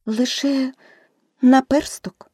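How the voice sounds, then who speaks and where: A woman voicing a timid, polite young girl in a storybook reading, speaking softly and carefully. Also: on the low side, big pitch swings, fast talker, slightly rough, no echo, studio quality, exaggerated voice.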